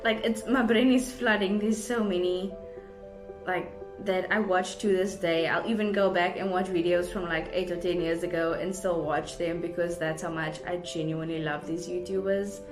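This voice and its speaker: A young South African vlogger chats casually to her viewers, rambling along in an effusive, gushing way. Her voice is on the low side, with fairly even intonation and a moderate pace. There's roomy indoor echo with music underneath.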